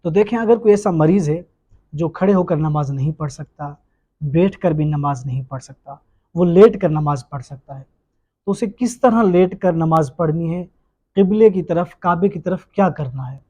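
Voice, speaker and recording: A man teaching the rules of prayer in a patient lecture, repeating each point and pausing with fillers. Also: on the high side, mellow, highs cut off. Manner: frequent hesitation fillers. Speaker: religious teacher.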